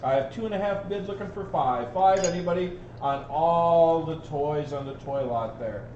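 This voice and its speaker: Echoey, higher-voiced male auctioneer calling bids. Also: moderate pace, warm tone. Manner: folksy, bantering between bid calls. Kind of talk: live auction calling, repeated bid chant. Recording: roomy, distant, dull sound with faint noise.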